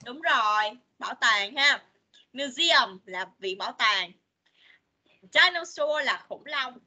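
A woman, an English teacher on a video call, patiently coaxing children and modeling words slowly for them to repeat. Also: a little high, expressive, pushed and bright. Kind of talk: online English lesson for children.

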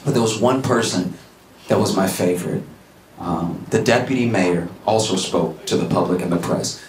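A young man from Louisiana doing a stand-up comedy set, telling stories animatedly and jumping into high shouted punchlines. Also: moderate pace. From Louisiana, USA. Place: comedy stage before a live audience. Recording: roomy venue with loud background noise.

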